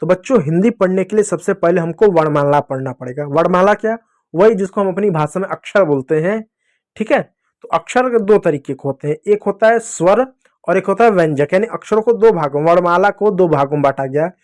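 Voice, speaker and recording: High-voiced man teaching children. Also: fairly quick, darkish tone. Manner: friendly, explains with playful examples and repetition. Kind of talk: children's Hindi lesson.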